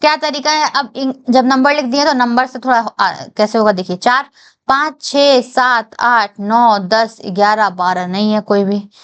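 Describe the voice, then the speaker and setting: A woman's voice: on the high side, fairly even intonation, unhurried, fairly bright tone, smooth, lo-fi sound. Woman teacher counting through a puzzle. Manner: counts aloud step by step, checks understanding. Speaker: reasoning teacher. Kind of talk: exam-prep lesson.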